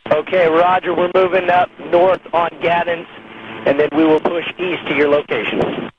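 A man's voice: a little high, level tone, moderate pace. A man on a military two-way radio, giving call signs in clipped radio procedure and signing off with "over". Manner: terse call signs and "over" sign-offs. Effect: heard over a military two-way radio. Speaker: radio operator. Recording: muffled noisy radio transmission.

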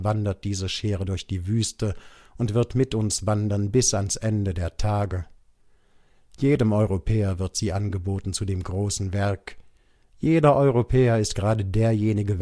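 A man's voice: on the low side, unhurried, dark tone, natural voice. A man doing a hearty, scornful caravan leader.

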